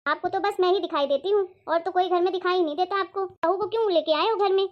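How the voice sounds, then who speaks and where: A woman acts out a sharp-tongued mother-in-law who nags in a very high, piercing voice and rattles her complaints off at speed. Her scolding never lets up, and the lo-fi audio sounds dull and muffled. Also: fast talker. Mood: angry. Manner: nagging, shrill complaining. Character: scolding middle-aged mother-in-law, quick-tempered. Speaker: comedy sketch actor. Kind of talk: scripted family comedy sketch.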